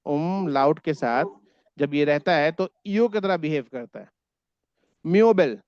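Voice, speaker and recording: A man's voice: a little high, unhurried, clear, resonant tone, muffled recording. A man teaching a German class online in Hindi, patiently repeating words so his students can echo them.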